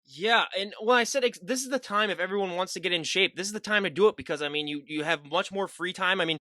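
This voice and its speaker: A man's voice: high voice, sharp tone, no room sound, clean studio sound. A young man hosting a podcast, chatting casually and emphatically with lots of "I mean.". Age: young adult. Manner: fast, emphatic, with repeated "I mean". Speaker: podcast host. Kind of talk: casual interview chat.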